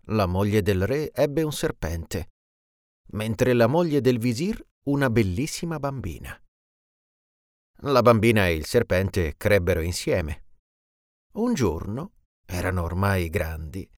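A man narrating a fairy tale in an expressive, measured way. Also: on the low side, dry recording, studio quality. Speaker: storyteller.

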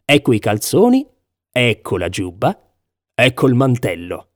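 A man voicing sly swindler tailors in a storybook reading, with smooth, persuasive patter. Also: mid-range voice, sing-song, unhurried, dry recording, studio quality. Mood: coaxing.

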